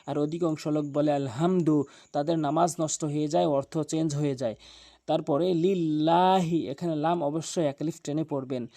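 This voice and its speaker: A man teaching Quran pronunciation, explaining mistakes plainly and chanting the correct recitation slowly and drawn out. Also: fairly high pitch, fairly even intonation, mellow. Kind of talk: tajweed lesson with demonstrated recitation.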